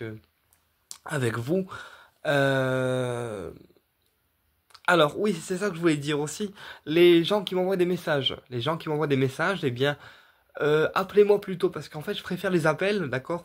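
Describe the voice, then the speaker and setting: A man's voice: fairly high pitch, moderate pace. Rambling man. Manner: rambling, repeats himself, many fillers and restarts; addresses viewers directly, checking in with "d'accord". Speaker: medium offering paid readings. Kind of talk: casual direct-to-camera explanation.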